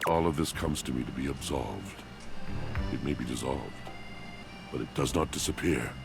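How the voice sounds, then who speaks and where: A melancholy appliance from a dating game, speaking like a storybook villain in a very low voice. The delivery is theatrical and poetic, a grand brooding monologue with prominent music behind it. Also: male voice, moderate pace, vocal fry. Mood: anguished, poetic. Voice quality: deep, villainous voice. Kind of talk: dating sim game voice acting.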